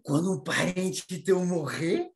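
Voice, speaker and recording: A man playing a sneering, gravelly reactionary. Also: high voice, takes it slowly, full character voice. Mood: scornful. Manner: sneering, taunting, repeats jeering questions. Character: mocking reactionary man, loud and scornful. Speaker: theatre workshop participant. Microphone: video call.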